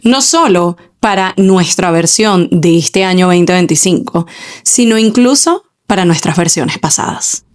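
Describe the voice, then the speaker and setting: A Venezuelan woman in her thirties talks to her listeners in a casual solo podcast. Her voice sits at a middle pitch, and her talk is chatty, with English words slipped into her Spanish. She records indoors at home. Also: expressive, unhurried. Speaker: podcast host.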